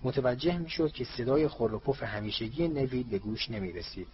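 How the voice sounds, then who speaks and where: Male audiobook narrator, even and steady, mid-pitched, muffled recording. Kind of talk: scripted storybook narration. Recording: muffled, faint hiss.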